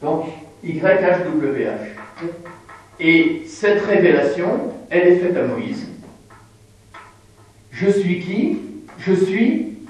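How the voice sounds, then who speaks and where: A man giving an informal bible lesson to a group, explaining patiently and haltingly with many fillers. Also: sits high, very animated, darkish tone, a little hiss or hum. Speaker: religious teacher. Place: indoor room with listeners. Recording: very echoey room, mic far off.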